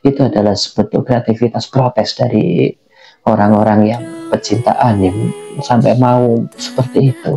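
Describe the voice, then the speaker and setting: A man giving unscripted political commentary in a halting way, repeating phrases for emphasis. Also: medium pitch, steady tone, dark tone, faint music behind, rough recording. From Indonesia. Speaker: commentator giving personal opinion.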